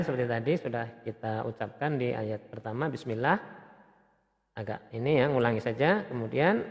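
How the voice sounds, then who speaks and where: A man teaching Quran recitation step by step, patiently repeating sounds and chanting verses in a slow, drawn-out melodic tone. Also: mid-range voice, big-room sound.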